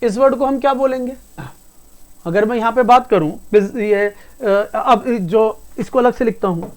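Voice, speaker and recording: A man's voice: very high voice, normal speed, a little mellow. A male English teacher giving a class lecture, explaining patiently, repeating himself and calling the students "beta".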